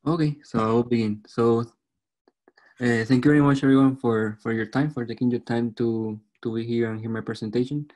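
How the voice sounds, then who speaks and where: Man, twenties, Puerto Rican accent, little pitch variation, halting academic presentation, repeated words. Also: fairly even intonation, a little mellow. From Puerto Rico. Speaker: student researcher presenting. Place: online video call.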